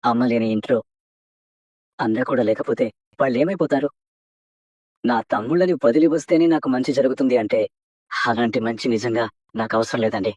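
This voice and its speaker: Devoted eldest brother, played by a man, husky voice, dry close sound, TV serial drama. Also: medium pitch, brisk, pauses often, darkish tone, dry recording, lightly acted. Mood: earnest, pleading. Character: devoted eldest brother, man, young adult, earnest and self-sacrificing. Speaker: eldest brother raising his younger brothers.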